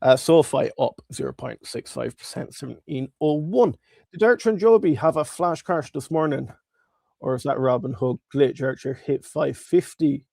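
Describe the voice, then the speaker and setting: A man's voice: medium pitch, expressive, moderate pace, vocal fry, a little mellow, no echo, clean studio sound. A man with a congested, swollen-tonsils voice from a cold, hosting a casual live stock market stream and chatting informally to viewers. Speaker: livestream host.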